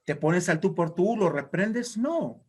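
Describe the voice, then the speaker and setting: A male pastor delivers a sermon. His voice sits fairly high for a man, and he presses his points home emphatically, exhorting the congregation. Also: lively intonation, takes it slowly, slightly rough.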